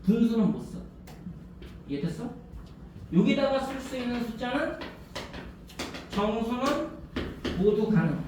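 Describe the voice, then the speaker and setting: A male teacher lectures a class, constantly firing short check questions at his students. His voice sits high for a man. He is caught from a distance in a strongly echoing classroom. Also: sing-song, a little slow, long pauses, background noise. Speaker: math teacher.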